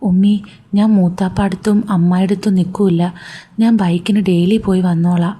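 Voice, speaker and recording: A woman reading the part of a young male college student who pleads gently and affectionately with his mother. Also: fairly low pitch, level tone, normal speed, husky. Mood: pleading.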